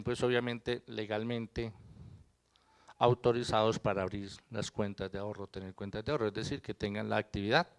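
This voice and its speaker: A man, an accountant, giving a live seminar talk in a conversational lecturing way, putting questions to the audience and joking with them. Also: mid-range voice. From Colombia.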